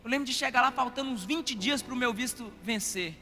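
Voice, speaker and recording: A man's voice: very high-pitched, brisk. A Brazilian man preaching as a pastor, telling a story and calling the congregation "querido" and for amens. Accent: Brazilian Portuguese. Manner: animated, addresses listeners as "querido" and calls for amens. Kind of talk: storytelling sermon. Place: church hall. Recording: reverberant church hall with faint music.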